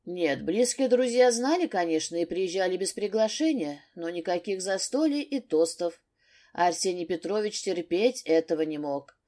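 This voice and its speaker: A woman narrating an audiobook in an expressive reading style. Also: fairly low pitch, moderate pace. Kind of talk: scripted narration.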